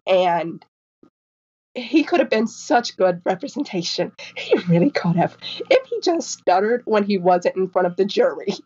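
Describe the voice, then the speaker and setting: Her voice is husky and medium in pitch, delivered at a measured pace through a muffled recording. She's a woman in her twenties appearing as a guest author in a casual interview chat. She stutters, repeating sounds and restarting, while animatedly acting out the people in her stories.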